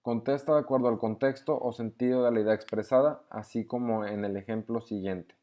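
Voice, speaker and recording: A man's voice: mid-range voice, steady tone, fairly quick, dark tone. A young man patiently walks through grammar exercises, reading each sentence aloud and explaining it step by step. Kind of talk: screen-recorded lesson walkthrough.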